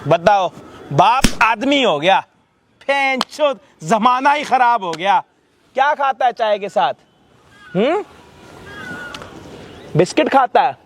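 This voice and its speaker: High-voiced man scolding harshly. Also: lively intonation, slow pace, pauses often, a bit bright, slight background noise. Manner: scolding, abusive and mocking. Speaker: host. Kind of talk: staged street confrontation.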